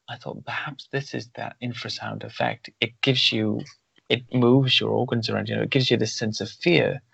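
The podcast host, a man, keeps his interview conversational, thinking aloud and rambling with frequent restarts. He has a lowish, slightly bright and slightly rough voice with vocal fry. There's no room sound, and the audio is dull and lo-fi.

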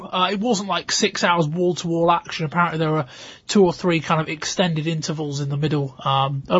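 A man with a hoarse, thick sore-throat voice, hosting a podcast and recapping events. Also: high-pitched, fairly bright tone, dry recording, highs cut off. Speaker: podcast host. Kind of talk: scripted match recap and casual hosting.

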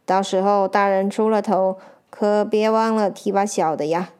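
A fawning prison jailer, sweet-talking and eager to please, as a woman puts him on. He flatters with a slow, oily manner. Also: medium pitch, smooth, natural voice. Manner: wheedling, flattering.

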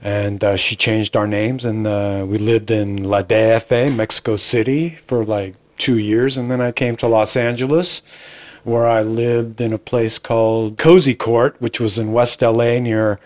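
An older man from Argentina, a podcast guest, telling stories in an animated, chatty way. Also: fairly low pitch, measured pace. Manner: animated storytelling, laughs easily. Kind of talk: casual interview chat.

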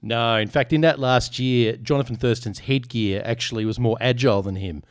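A man's voice: mid-range voice, normal speed, no room sound, studio quality. A man hosting a sports podcast in casual chat, joking and irreverent. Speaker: podcast host.

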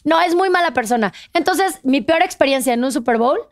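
High-voiced Mexican woman telling a story. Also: fairly quick. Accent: Mexican Spanish. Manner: animated, emphatic storyteller. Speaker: sports reporter guest. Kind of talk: casual chat, telling an anecdote.

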